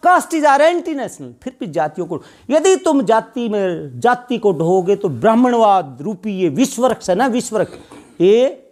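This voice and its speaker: A man's voice: high voice, darkish tone. A man around sixty, giving a fiery, scolding public speech full of rhetorical questions at a Buddhist temple gathering. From Haryana, India. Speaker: retiring speaker at a Buddhist gathering.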